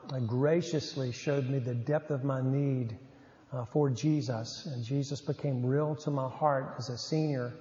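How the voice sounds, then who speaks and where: A man's voice: medium pitch, a little mellow. A man in his seventies with a rural North Carolina Southern accent, a former youth pastor giving a folksy, rambling talk to an audience with lots of filler uhs. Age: 70s. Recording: roomy hall, slightly dull lo-fi.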